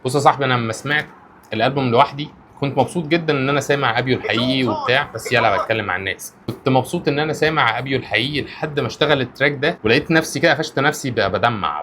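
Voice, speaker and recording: A man with an Egyptian accent giving casual, excitable reaction commentary on a rap album and swearing oaths often. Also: mid-range voice, rapid-fire, slight background noise. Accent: Egyptian Arabic. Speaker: rap reviewer, content creator.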